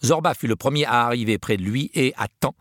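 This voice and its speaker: A man reading a children's storybook aloud with expressive, lively storytelling. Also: medium pitch, a little fast, no room sound, studio quality. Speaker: narrator.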